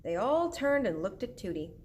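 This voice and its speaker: A woman's voice: medium pitch, sing-song, moderate pace, darkish tone. Woman reading a children's storybook aloud. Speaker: audiobook reader. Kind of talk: storybook read-aloud narration.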